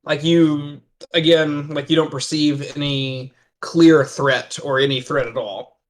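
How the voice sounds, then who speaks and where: Male game master, slightly high voice, halting delivery full of fillers. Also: fairly even intonation. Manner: hesitant, many fillers and restarts. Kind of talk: narrating a tabletop game.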